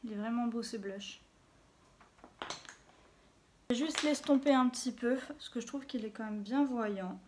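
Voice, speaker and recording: A chatty woman beauty vlogger walks through her makeup routine in a relaxed, talkative way, filling pauses with small interjections. Her voice sits a little on the high side, recorded on a phone with a faint hiss behind it. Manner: chatty, fills gaps with little interjections while working. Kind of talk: casual makeup tutorial talk. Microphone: phone camera.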